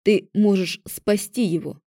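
A woman's voice: medium pitch, measured pace, warm tone, no room sound, clean studio sound. A woman voicing a weary, stern male dragon rector at a magic academy, who speaks in a tired, lecturing way. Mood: instructive.

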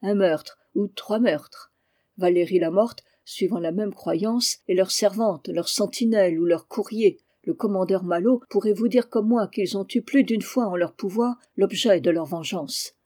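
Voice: mid-range voice, a little slow, dark tone, close to an everyday voice. A reader voicing a small, emphatic lawyer. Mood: insinuating. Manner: emphatic, vague, teasing storyteller. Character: small, eloquent male lawyer telling ghost lore.

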